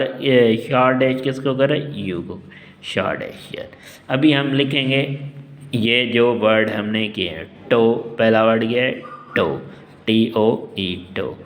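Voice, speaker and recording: Slow-spoken Pakistani man teaching. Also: medium pitch. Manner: asks questions and answers them himself, spells words out slowly. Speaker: shorthand teacher. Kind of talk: classroom lesson with question and answer.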